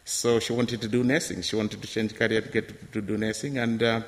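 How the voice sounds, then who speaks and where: A man from Malawi in his thirties tells his life story to a church gathering, stopping often with ums and restarts. His voice is low and gravelly. The sound carries a long hall reverb. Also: level tone, brisk. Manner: hesitant, many fillers and restarts. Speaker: church guest giving testimony. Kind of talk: testimony interview.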